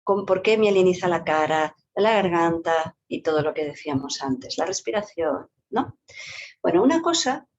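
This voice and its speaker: A woman, a psychologist and yoga teacher, explaining a topic in a talk with lively, varied intonation and playful vocal demonstrations. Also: on the low side, a little hiss or hum. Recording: dull lo-fi recording.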